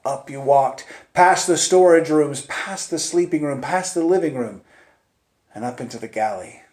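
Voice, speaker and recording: A male storyteller with a mid-pitched voice narrates a suspense tale in the first person, live and unhurried. His theatrical delivery swings from hushed near-whispers to loud, urgent peaks, using deliberate dramatic pauses and repetition. The recording sounds roomy and echoing.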